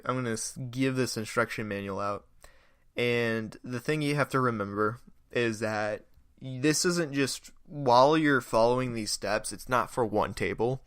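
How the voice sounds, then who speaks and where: A man's voice: medium pitch, a bit bright, clear, resonant tone, no room sound, studio quality. Young man rambling in casual storytelling. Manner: rambling, laughs often, swears casually. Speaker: podcast host.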